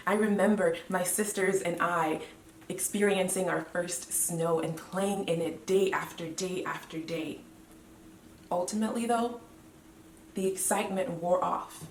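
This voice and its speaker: A woman in her twenties from Cameroon, a medical student giving a measured, earnest motivational speech with deliberate pauses. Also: lowish voice, distant mic, slight background noise. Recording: roomy echo, voice away from the mic.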